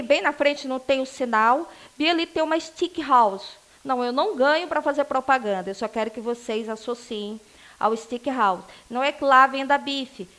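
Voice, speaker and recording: A woman's voice: high-pitched, a bit bright. A married woman from Northeast Brazil teaching an English class online, chatty and digressive, with teasing asides to her students. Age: adult, married.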